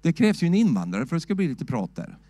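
A middle-aged man preaching a sermon in a church, shouting at times and asking the church "va?" in a loose, talky way. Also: on the high side, huge pitch swings, no room sound. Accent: Swedish. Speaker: pastor.

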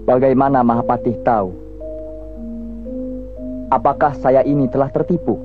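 An actor playing a respectful, humble warrior at court, speaking formally in an old costume film. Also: male voice, medium pitch, steady tone, normal speed, lightly acted. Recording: tinny old film soundtrack with music.

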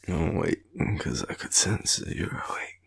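A bass voice with vocal fry and huskiness, yet a fairly bright tone, carries this audio roleplay. A tired Australian man plays a clingy boyfriend who teases, murmurs and rambles sleepily, often in a half-whisper.

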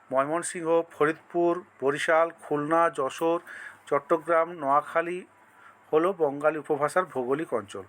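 A man with a fairly high voice teaches an exam-prep class. He reads each multiple-choice question, lists the options in turn, then states the right answer in a steady, methodical way.

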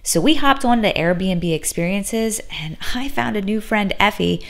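Speaking to camera from inside a small apartment, a female travel vlogger keeps the talk casual in an unhurried, gravelly mid-range voice. Echo fills the rooms, and some stretches sound far off with noise.

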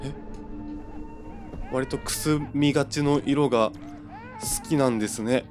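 A man's voice: mid-range voice, takes it slowly, a little mellow, faint music behind. A young man giving let's play commentary on a horror game, jumpy and stammering as he talks to himself. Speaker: gamer playing a horror game.

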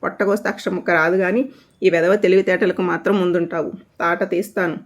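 A woman's voice: lowish voice, steady tone, quick pace, close to an everyday voice. A woman voicing a furious, threatening school teacher in a spoken storybook.

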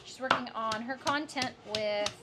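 A woman's voice: a little high, measured pace, heavy background noise. A woman in her thirties chatting casually for her vlog, upbeat and coaxing, first in a car and then in a boat galley. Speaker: sailing vlogger. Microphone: clip-on lapel mic.

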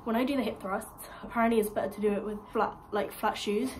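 A young adult woman vlogs to a phone camera propped nearby, rambling casually and poking fun at herself while filming in a small kitchen and a bare room. Her medium-pitched voice moves quickly with fairly even intonation, and she sounds out of breath and stuffed up. The room echoes, and a faint hiss or hum runs underneath.

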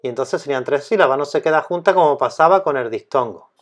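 A man explaining a grammar lesson as a teacher, speaking slowly and deliberately and repeating key terms. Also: fairly high pitch, animated.

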